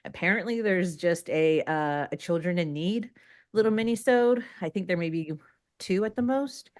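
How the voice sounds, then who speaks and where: A woman's voice: lowish voice, moderate pace. A woman chatting casually as a livestream guest, thinking aloud with frequent fillers. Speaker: podcast guest.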